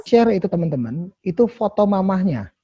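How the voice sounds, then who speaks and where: Brief: man hosting, husky higher voice, dark and muffled sound, emphatic and animated. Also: moderate pace. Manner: animated, probing questions, emphatic repetition. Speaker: host.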